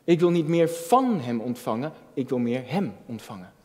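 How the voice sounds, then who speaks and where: Animated and moderately paced, his mid-range voice has a darkish tone. A junior pastor in his early thirties, he earnestly preaches a reflective, personal sermon with repeated phrases and rhetorical questions. He's at a lectern on an indoor church stage, shot from a distance in long hall reverb.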